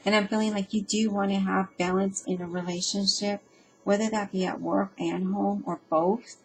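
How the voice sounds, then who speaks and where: Halting, earnest woman reading tarot. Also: medium pitch, fairly even intonation, gravelly, rough recording. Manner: hesitant and halting, with frequent ums and self-repeats; earnest and reassuring, addressing the listener directly. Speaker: tarot reader. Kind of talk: casual spoken tarot reading.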